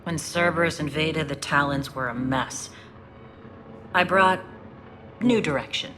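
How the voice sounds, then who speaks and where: A woman's voice: low-pitched, unhurried, fairly bright tone. A woman playing a guarded, resolute alien gang leader in a video game, speaking in a clipped, commanding way. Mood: guarded, earnest. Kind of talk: dramatic video game dialogue.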